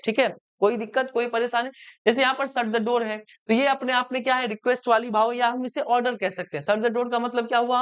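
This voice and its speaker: A man's voice: very high-pitched, fairly bright tone, smooth. Male grammar teacher, keeps checking understanding, dull lo-fi recording. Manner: keeps asking the class questions and checking understanding. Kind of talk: online grammar lesson.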